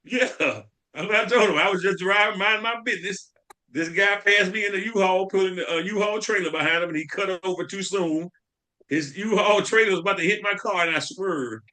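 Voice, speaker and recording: A man on a podcast, telling a long rambling story to friends in casual chat, laughing often and pausing on fillers. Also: high voice, bright, forceful tone. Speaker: podcast co-host.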